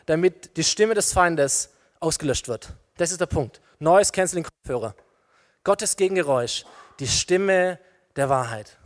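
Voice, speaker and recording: A man preaching a lively sermon, talking directly to his listeners and illustrating his points with everyday examples. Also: high voice. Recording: long reverb of a large hall.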